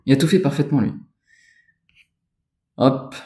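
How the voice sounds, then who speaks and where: Medium in pitch and mellow, this man speaks at a measured pace with a roomy sound. He's a spiritual energy instructor delivering a casual, meandering lesson on energy and chakras directly to the listener.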